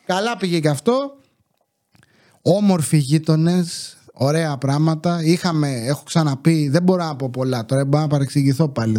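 A young man hosting a podcast, telling rambling, sarcastic stories about his neighbors in a casual monologue. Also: high-pitched. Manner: rambling, sarcastic, animated retelling. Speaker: podcast host.

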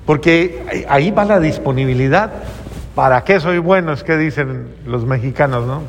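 Slow-speaking priest in a reverberant church. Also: male voice, on the high side, slight background noise. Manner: questions the congregation, acts out quoted replies in soft voices. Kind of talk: homily.

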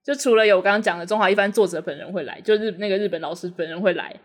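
A woman, co-hosting a casual podcast chat, eager and quick, repeating words when excited. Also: mid-range voice. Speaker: podcast co-host.

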